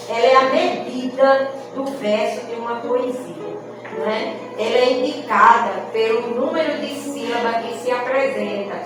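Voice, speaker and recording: Lady poet teaching verse, high voice, far off in a big echoey room. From Rio Grande do Norte, Brazil. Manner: explanatory, checks in with "não é?". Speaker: cordel poet and speaker. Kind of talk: lecture at a literary festival. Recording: echoey room, mic far off, music behind.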